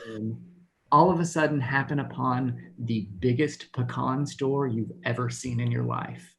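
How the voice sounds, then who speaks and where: A man in his thirties performing a rambling, deadpan stand-up comedy set over a video call, chuckling at his own jokes. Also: mid-range voice, unhurried, gravelly. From Texas. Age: 30s.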